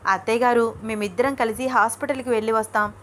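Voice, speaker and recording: Excitable young bride in a story, high and bright, read by a woman. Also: fast talker, slight background noise, lightly acted. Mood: excited. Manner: bubbly, excitable. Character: lively young wife, excitable and shy.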